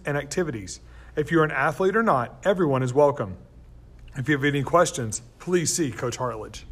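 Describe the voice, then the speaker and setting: Man, school announcer, slightly higher voice, upbeat, clear scripted reading.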